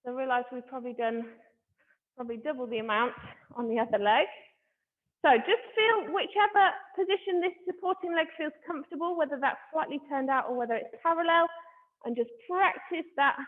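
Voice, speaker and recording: A woman teaching a ballet exercise class, talking through the movements in short, measured cues. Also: sits high. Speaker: adult ballet instructor. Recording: thin phone-like sound, faint music behind.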